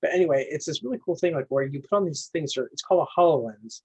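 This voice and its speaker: Fast-talking husky man, lo-fi sound. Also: on the high side, darkish tone. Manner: rambling, eager, restarts a lot. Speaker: podcast co-host. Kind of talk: casual chat. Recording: dull lo-fi recording.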